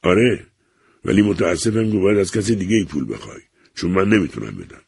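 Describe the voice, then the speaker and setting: A man with a deep, gravelly voice voicing a stern old doctor who coldly refuses to help his son. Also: animated, darkish tone, no echo, full character voice. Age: older. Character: stern, cold elderly father, a doctor. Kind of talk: audiobook character reading.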